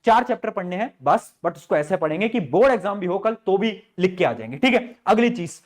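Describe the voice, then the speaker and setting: A man's voice: high voice, animated, brisk. A male teacher giving students study-planning advice, speaking directly and informally, asking rhetorical questions and answering them himself.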